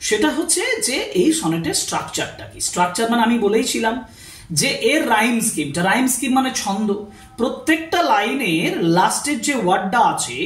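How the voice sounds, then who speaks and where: A teacher with a West Bengal accent giving a literature lesson, explaining step by step, spelling words out letter by letter and checking in with students. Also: medium pitch. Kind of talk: exam-prep literature lesson. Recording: roomy, distant from the mic.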